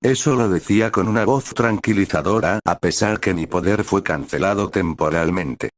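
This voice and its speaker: A man reading as a gentle guardian warrior. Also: low-pitched, normal speed, close to an everyday voice. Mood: gentle, reassuring. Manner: soft and reassuring. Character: young male guardian warrior, gentle and protective.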